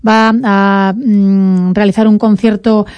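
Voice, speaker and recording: A woman's voice: mid-range voice, level tone, slow pace, darkish tone, clean tone, dull audio. A woman co-hosting live radio in a conversational style. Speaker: radio co-host.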